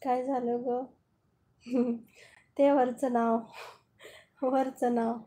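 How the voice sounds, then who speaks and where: Slow-talking chatty woman. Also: on the high side, level tone, dark tone, rough recording. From Kolhapur, Maharashtra. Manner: chatty, answers viewers one by one, laughs often. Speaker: live streamer. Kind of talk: casual live-stream chat.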